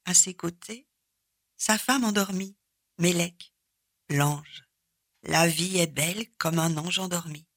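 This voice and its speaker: Woman storyteller, slow and husky, dry close sound; expressive tale-telling with dramatic pauses. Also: lowish voice, no echo. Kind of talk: storytelling performance of a folk tale.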